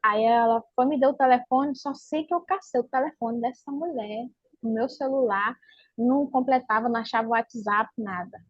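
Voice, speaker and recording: A woman from the congregation speaks in a fairly high voice at a normal pace, her Brazilian Portuguese accent clear as she shares her testimony with the pastor. She is an animated storyteller who performs the conversations she describes. The audio is lo-fi, dull and dry, with no room sound.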